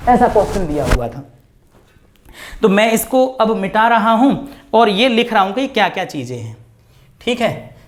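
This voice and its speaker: A man teaching a lecture at a board, repeating key terms and asking quick questions to check understanding. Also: high-pitched, big pitch swings.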